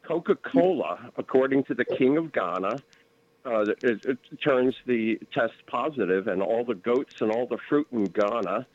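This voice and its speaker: A man's voice: mid-range voice, expressive, moderate pace, no room sound. A man calling in to a radio show over the phone, rambling from one topic to the next with many fillers. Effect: heard over the phone. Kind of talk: call-in chat. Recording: dull, lo-fi phone line.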